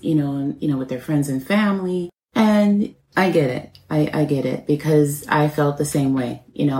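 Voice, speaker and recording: A woman's voice: low voice, dark tone. A woman in her forties hosting her own business podcast, talking in an encouraging, conversational way with many "you know" fillers. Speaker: podcast host and business coach. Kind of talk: motivational solo podcast talk. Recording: roomy echo.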